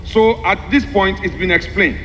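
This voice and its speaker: A man delivering a formal parliamentary speech, explaining a document point by point in an emphatic, deliberate way with repeated phrases. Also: sits high, sharp tone. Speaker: member of parliament. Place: large parliamentary chamber. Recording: echoey hall with long reverb, background noise.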